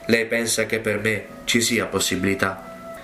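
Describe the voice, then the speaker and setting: Repentant middle-aged woman, ashamed, low-voiced as a male preacher reads her. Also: flat delivery, a little slow, pushed and bright, echoey room, soft background music.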